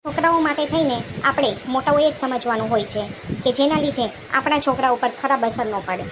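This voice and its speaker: A concerned schoolteacher from a cartoon, voiced by a woman, calm and advising. The voice is high for a man. A steady hiss sits under it. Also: brisk, natural voice. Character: concerned male schoolteacher, earnest. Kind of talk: cartoon voice acting. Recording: noisy background hiss.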